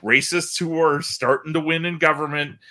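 A Canadian man chatting as a podcast guest, animated and acting out quoted people in a raised voice. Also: a little high, normal speed. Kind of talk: casual chat.

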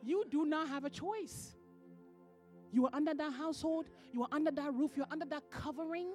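Woman minister, high voice, preaching with rising emphasis in a church. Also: normal speed, warm tone, soft background music. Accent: non-American English. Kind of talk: sermon.

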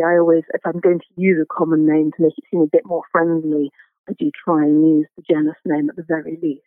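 Male guest with a high voice, halting and chatty, over a tinny phone line. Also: no room sound. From Britain. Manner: halting, many restarts and fillers. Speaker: garden writer, guest. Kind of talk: conversational interview.

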